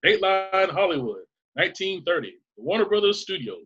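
A man on a podcast voicing an old newsreel announcer, declaiming grandly and briskly. The recording sounds dull and lo-fi. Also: high voice, sing-song, a bit bright, breathy edge, pitched above the performer's own voice, heavily acted. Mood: announcing.

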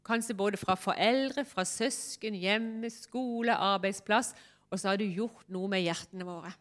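A woman preaching a heartfelt sermon in a church and sharing a personal testimony. She speaks intimately and often drops to a soft near-whisper. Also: medium pitch. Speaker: pastor.

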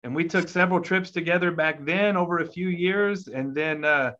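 Guy hosting a church chat, kinda high voice, rambly questions, muffled lo-fi sound. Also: moderate pace, pushed and bright. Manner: friendly, rambling questions with fillers. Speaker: host. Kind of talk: conversational interview. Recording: dull lo-fi audio.

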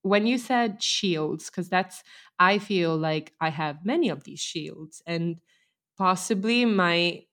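A young woman in casual chat, talking reflectively and hesitantly, trailing off softly. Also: on the low side, slow pace.

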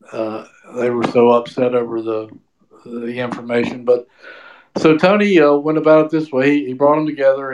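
Man talking over the phone. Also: medium pitch. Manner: relaxed, rambling storytelling. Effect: heard over the phone. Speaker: sports reporter calling in as guest. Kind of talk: phone-in interview. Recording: dull phone-line sound.

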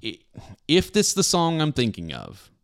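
A man's voice: fairly high pitch, huge pitch swings, moderate pace. A man co-hosting a casual music chart podcast, chatty and hesitant, with frequent restarts and easy laughter. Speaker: podcast co-host.

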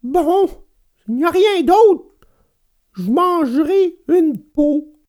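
A woman voicing a hungry, cheeky wooden puppet boy in a storybook reading, whiny and pleading, at times bursting into shouts. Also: very high-pitched, animated, extremely slow, exaggerated voice. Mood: stubborn.

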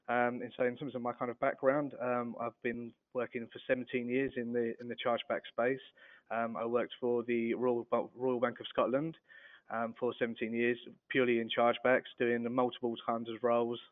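A middle-aged man giving a webinar presentation as one of the speakers. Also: medium pitch. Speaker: webinar presenter, compliance manager. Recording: tinny narrow phone-like line.

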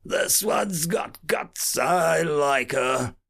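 A man doing a gravelly alien pirate captain. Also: on the high side, extremely slow, a bit bright, voice pushed up, full character voice. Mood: amused. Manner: mocking, falsely polite. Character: menacing male alien pirate captain with sharp teeth.

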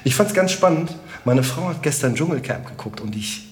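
A middle-aged man with a Rhineland German accent, a comedian chatting as a podcast guest in an animated, joking and emphatic way. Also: fairly high pitch, normal speed, slight background noise. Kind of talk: casual podcast conversation.

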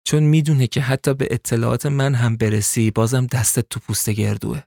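A shrewd captured inventor, played by a male narrator, speaks calmly and knowingly. His voice is the narrator's own middle register, and the recording is close and dry. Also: mid-range voice, creaky, no room sound.

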